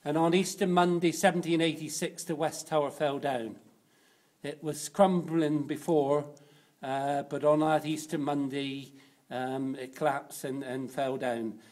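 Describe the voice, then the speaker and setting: Male cathedral tour guide, slightly high voice, informal and unscripted, feeling his way through explanations. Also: steady tone, a little slow, a little mellow.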